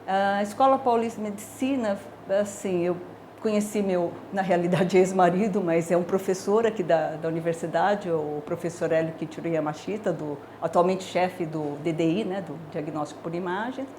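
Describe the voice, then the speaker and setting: A woman's voice: lowish voice, moderate pace, a little mellow, slight background noise. A woman in her sixties with a Brazilian Portuguese accent, a dermatology professor recounting her career in a reflective, hesitant way with many filler words. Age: 60s. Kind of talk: personal career testimony.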